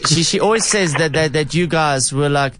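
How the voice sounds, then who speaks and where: A man's voice: a little high, normal speed, a bit bright, slight background noise, lightly acted. A man playing a cocky, over-familiar young boyfriend on a prank call, rambling hesitantly and casually. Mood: cheeky, rambling.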